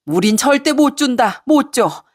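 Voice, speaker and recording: Woman doing a shrill, yelling older mother-in-law. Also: expressive, measured pace. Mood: threatening. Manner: yelling, scolding, demanding.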